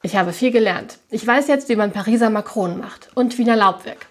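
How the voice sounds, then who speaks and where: A woman's voice: on the high side, brisk, close to an everyday voice. A woman voicing a charming young male confectioner who teases and boasts lightly.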